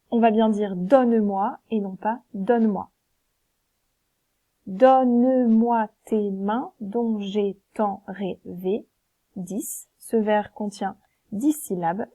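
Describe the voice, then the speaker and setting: A woman's voice: mid-range voice, warm tone, no echo. A woman teacher, patiently explaining a poetry exercise step by step, with frequent hesitations. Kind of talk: recorded lesson correcting a versification exercise.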